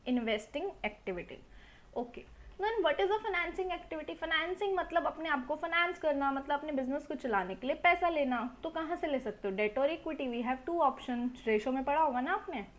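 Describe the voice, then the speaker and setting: Woman tutor, high-pitched, rapid revision lecture, rhetorical questions, phone mic. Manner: fast-talking, full of rhetorical questions. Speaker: accounts teacher. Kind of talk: quick revision lecture mixing Hindi and English. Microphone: mobile phone.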